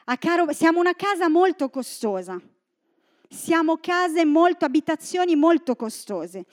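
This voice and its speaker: Woman preacher, high voice, sermon in a church, lively asides, from northern italy. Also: measured pace. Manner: lively, joking asides to the congregation.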